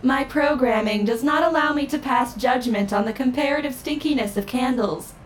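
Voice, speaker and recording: A woman voicing a polite, programmed female mall AI assistant in an audio drama, speaking in a too-smooth, calm customer-service manner. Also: high-pitched, moderate pace, slight background noise, natural voice, rough recording.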